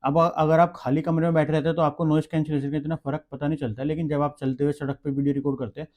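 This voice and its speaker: A man talks through a product demo at a quick clip in a slightly higher register, chatty and explaining every step as he goes. His voice is close and dry on a clip-on wireless mic. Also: level tone, a little mellow, no echo. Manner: chatty, explains step by step while handling gear. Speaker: tech reviewer vlogger.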